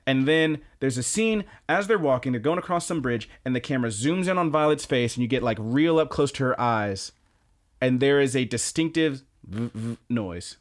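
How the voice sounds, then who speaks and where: A man chatting on a podcast as he recaps anime episodes. He rambles, loose and animated, and jumps into excited voices when he quotes someone. His voice sits at an ordinary middle pitch. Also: fairly quick. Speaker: podcast co-host.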